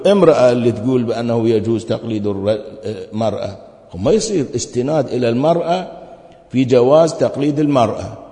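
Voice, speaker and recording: Gravelly man lecturing in a hall. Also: mid-range voice, mellow. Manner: argumentative, full of rhetorical questions. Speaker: religious lecturer. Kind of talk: religious lecture. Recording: long hall reverb.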